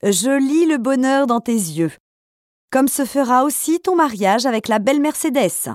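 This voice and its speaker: A woman's voice: sits high, expressive, normal speed, no echo, studio quality, pitched above the performer's own voice. A woman voicing a sly, envious male neighbor in his twenties who talks in a prying, overfamiliar way.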